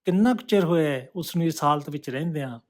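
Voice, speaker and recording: A man's voice: fairly high pitch, quick pace, close to an everyday voice. A man voicing the anxious inner thoughts of a troubled young man, asking himself one question after another. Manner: questioning, brooding.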